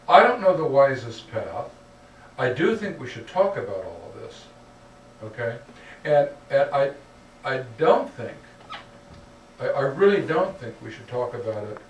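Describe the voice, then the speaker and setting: A man speaking earnestly as a lecturer answering audience questions, often checking in with "okay?". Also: medium pitch. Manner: earnest, repeatedly asks "okay?". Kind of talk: public talk Q&A. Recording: roomy hall sound picked up from a distance, faint noise.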